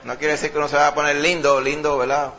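A male pastor delivers an animated sermon in a bright, somewhat high voice. He speaks straight to his congregation, calling them brother. The recording sounds a little dull and lo-fi, with faint room ambience behind. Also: fast talker. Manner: lively preaching, addressing the congregation as brother.

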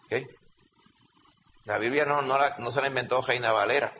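Preaching in an emphatic, instructive manner, the male pastor regularly checks in with the people listening. He speaks in a mid-range, steady tone at a moderate pace, pushed and bright. There's hall reverb, a slightly dull quality and a faint hum in the background.

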